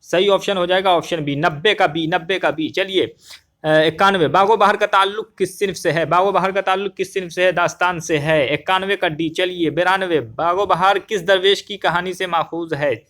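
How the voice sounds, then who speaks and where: Young guy teacher racing thru exam answers, fairly high voice, repeats everything. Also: fairly even intonation, a bit bright. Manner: brisk, repeats questions and answers, addresses viewers as friends.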